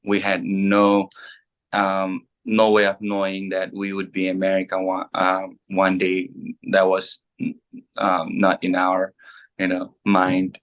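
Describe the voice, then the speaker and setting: A man in his thirties from Bhutan whose first language is Nepali. He answers interview questions slowly and haltingly, with frequent fillers and restarts. His voice is low, smooth and resonant, with a fairly flat delivery. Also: lo-fi sound. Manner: hesitant, many fillers and restarts, halting English. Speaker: pastor, interview guest. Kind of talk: casual interview.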